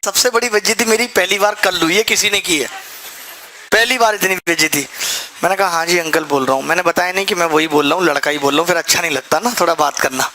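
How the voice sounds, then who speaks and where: A man's voice: high voice, fast talker, bright, forceful tone, a little hiss or hum. A young man, a maths teacher, telling his class a chatty story that gets heated, with laughter. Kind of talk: casual anecdote told to a class.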